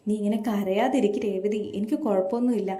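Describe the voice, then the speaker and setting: Woman reading a calm, injured young husband. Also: mid-range voice, a little fast, echoey room, lightly acted. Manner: calm reassuring explanation.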